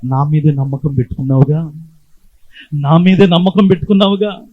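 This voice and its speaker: A male preacher voicing God as He gently reassures a praying mother. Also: a little high, brisk, narrow, tinny audio, close to an everyday voice. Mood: reassuring.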